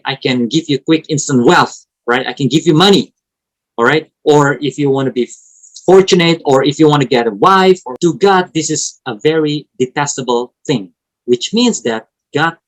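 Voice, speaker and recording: Over a rough recording, a man with a fairly high voice and an Indonesian accent leads a Bible lesson for an online fellowship. The native Indonesian preacher speaks haltingly, restarting often and tacking on "right?" again and again.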